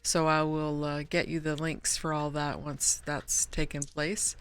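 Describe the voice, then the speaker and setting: A woman hosting a live writers' stream, talking in a soft, halting way with many restarts. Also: deep voice, little pitch movement, clean tone. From Canada. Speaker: host of a writers' open mic stream. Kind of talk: casual chat wrapping up a live stream.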